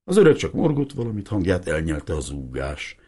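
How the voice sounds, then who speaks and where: Low, husky male audiobook narrator. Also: wildly swooping pitch, dark tone. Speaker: audiobook reader. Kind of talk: scripted novel narration.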